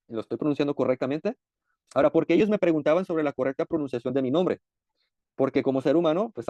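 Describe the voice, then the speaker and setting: A man's voice: mid-range voice, dark tone, no room sound, lo-fi sound. Earnest man teaching scripture. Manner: earnest explanatory teaching with frequent "eh" pauses. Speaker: bible teacher. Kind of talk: teaching sermon.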